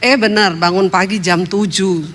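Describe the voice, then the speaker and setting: A woman's voice: medium pitch, steady tone, moderate pace, a bit bright. A woman pastor telling stories in a sermon, chatty and humorous, laughing at her own jokes. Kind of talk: storytelling sermon. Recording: long hall reverb.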